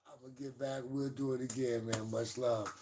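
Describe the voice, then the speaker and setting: A man's voice: little pitch movement, normal speed, a crowd in the background. Easygoing male host, volume dropping in and out. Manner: easygoing, repeats short phrases. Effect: volume dropping low and surging back in and out. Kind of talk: casual live-stream chat. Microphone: phone. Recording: distant phone-call audio cutting in and out.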